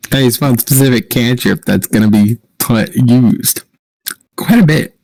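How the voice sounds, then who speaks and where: A man's voice: mid-range voice, a little slow, vocal fry, a little mellow, no echo. A man playing in a tabletop game, joking and teasing the others at the table. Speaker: player. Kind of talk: casual chat in a tabletop game.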